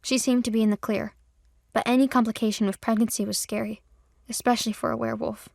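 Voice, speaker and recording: Female audio drama narrator, expressive; gravelly texture, dry close studio sound. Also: on the high side, fast, no echo. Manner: expressive storytelling, heated in dialogue.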